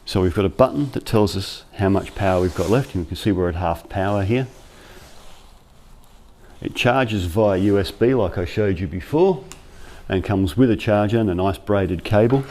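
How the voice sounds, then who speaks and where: Deep mellow-voiced guy rambling thru a jacket review in a cold workshop, bit of hiss behind. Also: normal speed. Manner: chatty, informal, thinks aloud. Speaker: workshop vlogger. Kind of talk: casual product review. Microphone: clip-on lapel mic.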